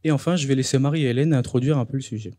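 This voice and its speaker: A young man hosting a talk event speaks in a mid-range, dark-toned voice at a racing pace. Presenting to a live audience, he's casual and chatty, hesitating frequently and using many fillers.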